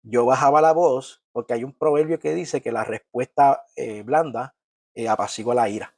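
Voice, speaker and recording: Heard without any room sound, this middle-aged man has a gravelly, medium-pitched voice and normal speed. His church talk on family life is earnest and conversational, full of restarted, repeated words and frequent "¿ves?" check-ins.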